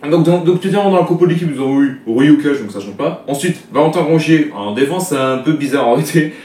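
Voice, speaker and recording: Fast-rambling young man, echoey room. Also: on the high side, lively intonation, a little mellow. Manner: rambling, heavy filler words, restarts. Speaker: football video debrief host. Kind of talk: casual rambling match debrief. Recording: echoey room, distant mic, faint noise.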